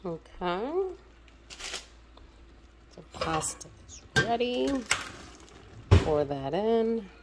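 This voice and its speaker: Very slow and full of long pauses, the lively, mid-range voice of an American home cook vlogger guides viewers through her meal prep in her home kitchen. Her narration is casual, and the recording is very noisy.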